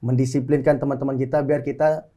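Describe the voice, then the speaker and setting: A man's voice: medium pitch, level tone, fast, mellow. A man in his twenties from Bali, a soldier and martial arts athlete, answering interview questions earnestly and often addressing the host politely. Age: 20s. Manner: earnest, often adds "Kak" to phrases. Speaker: soldier and pencak silat athlete.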